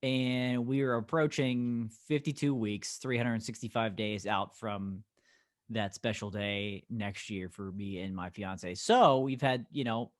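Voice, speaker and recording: A man's voice: lowish voice, fairly even intonation, unhurried. A young American man co-hosting a casual podcast, talking in an enthusiastic, emphatic way. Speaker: podcast co-host.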